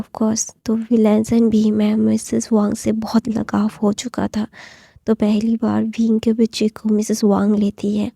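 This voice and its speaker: Give me a woman storyteller with a dark, gravelly, soft half-whispered voice. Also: a little high, dry recording, clean studio sound. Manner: soft, often half-whispered, many fillers. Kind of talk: retelling a fan story.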